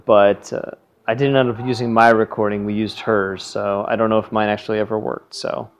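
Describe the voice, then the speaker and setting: A young man co-hosting a podcast rambles casually through a solo commentary from his living room, speaking into a headset plugged into his phone. His voice is fairly low and flat, a little fast, with some hiss or hum in the background. He keeps correcting himself and dropping chatty asides.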